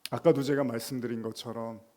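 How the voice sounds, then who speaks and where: A man's voice: mid-range voice, steady tone, fairly quick, mellow. Middle-aged pastor guy preaching, chatty, acts out little dialogues, laughs a lot. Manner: conversational preaching, acting out dialogue, laughing often. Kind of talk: sermon.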